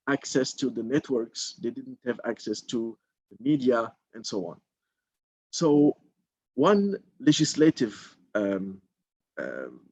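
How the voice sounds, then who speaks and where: A husky, a little mellow male voice of medium pitch belongs to a man from Morocco who served in parliament. Giving a thoughtful talk at a mentorship forum, he stops often on fillers, and the audio is slightly dull lo-fi.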